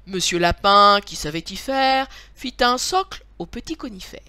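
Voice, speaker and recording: A woman teacher reading a rhyming children's story aloud in an expressive, rhythmic way. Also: medium pitch, normal speed, clear, resonant tone, dry recording.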